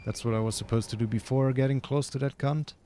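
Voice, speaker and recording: A man's voice: medium pitch, fairly even intonation, fast talker, dark tone, slight background noise. A man with a German accent giving casual, chatty commentary while gaming, saying "like" often and swearing freely. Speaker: streamer.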